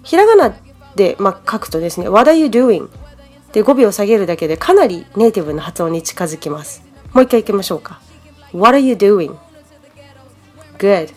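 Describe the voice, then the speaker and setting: A woman's voice: mid-range voice, very animated, quick pace, darkish tone, faint music behind. A woman from Japan hosting a podcast English lesson, explaining in a friendly, chatty way. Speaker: English teacher, podcast host.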